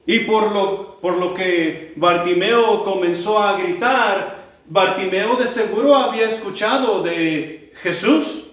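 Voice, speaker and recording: A man's voice: high-pitched, a bit bright. A man preaching a sermon to his congregation, asking rhetorical questions and acting out the cries of the people in the story. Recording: echoey hall, voice from far off the mic.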